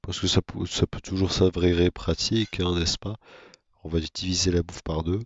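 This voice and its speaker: Man, very low voice, monotone gameplay commentary, dry close sound. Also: normal speed, breathy edge, no room sound, highs cut off. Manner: monotone, self-mocking asides. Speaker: gaming video creator.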